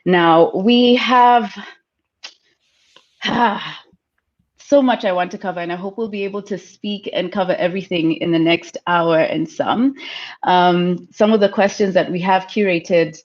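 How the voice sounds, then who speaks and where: A woman's voice: on the low side, a little slow. A woman from Kenya, hosting an online travel panel and guiding each guest through the questions. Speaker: webinar host. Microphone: video call. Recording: dull lo-fi call audio.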